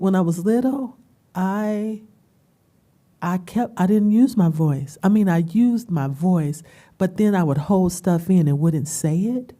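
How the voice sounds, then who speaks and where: A middle-aged woman shares a personal story at a community dialogue. Her voice sits low and mellow, and she talks with open emotion, quick laughter and heartfelt emphasis. She sounds tearful now and then but keeps going. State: tearful at times. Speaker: panel speaker and business owner.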